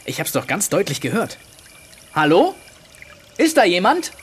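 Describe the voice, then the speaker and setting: A man's voice: high voice, wildly swooping pitch, a bit bright, slight background noise, full character voice. A man voicing Paul, a bewildered boy lost in a forest, in a children's radio play. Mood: puzzled. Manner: bewildered and hurried.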